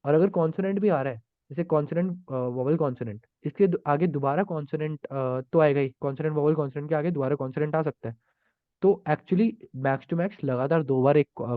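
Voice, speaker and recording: A man's voice: fairly high pitch, dry recording. A man walks through programming contest solutions, thinking aloud with many fillers and restarts. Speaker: programming tutor. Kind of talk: explaining contest solutions live. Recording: dry, phone-like narrow sound.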